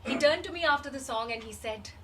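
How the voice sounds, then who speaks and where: A woman playing a grieving, wistful woman in a rehearsed reading of a dramatic monologue, measured and halting with long pauses. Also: high-pitched, fairly bright tone. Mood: wistful, reflective. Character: grieving woman recalling a dead loved one, wistful and searching. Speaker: actor in a rehearsed reading of a play. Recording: distant microphone, faint background noise.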